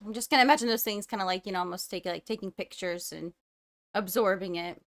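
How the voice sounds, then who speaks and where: A woman's voice: medium pitch, quick pace. A young woman hosting a first-time movie reaction, musing aloud and gasping and exclaiming as she watches. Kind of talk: casual movie reaction commentary.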